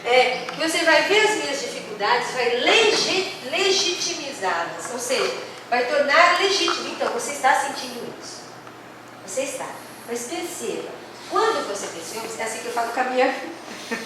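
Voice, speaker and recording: High-voiced brazilian lady from são paulo running a workshop, chatty, asks the room stuff, far off mic in a big boomy hall. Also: sing-song, normal speed. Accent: São Paulo Brazilian Portuguese. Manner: conversational, asks the audience questions, acts out quoted voices. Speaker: workshop speaker for religious teachers. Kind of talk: teaching workshop talk. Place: community hall. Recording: very echoey hall, distant mic, faint noise.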